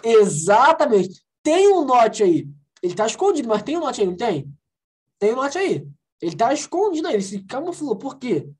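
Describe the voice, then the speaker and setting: Lively Brazilian teacher drilling a class. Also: female voice, a little high, slightly rough. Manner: lively, coaxing, asks the class questions and drills phrases slowly. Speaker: English teacher. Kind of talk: online class explanation. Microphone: video call.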